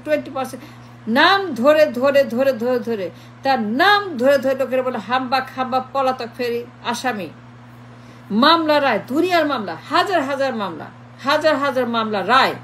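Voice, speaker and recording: High-voiced woman ranting in lists. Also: brisk, fairly bright tone, slight background noise. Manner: repetitive, mocking lists of insults, switches into English. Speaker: political commentator. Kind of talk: political monologue.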